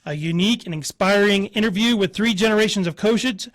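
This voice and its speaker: Male radio host, higher pitch; upbeat, affirming interviewer. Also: fairly quick, a bit bright. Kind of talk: interview hosting.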